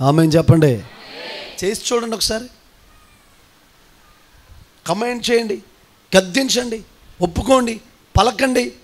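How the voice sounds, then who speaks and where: High-voiced Telugu pastor, chanting and shouting. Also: male voice. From India. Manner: preaches with sudden shouted commands and sing-song chanting. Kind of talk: sermon.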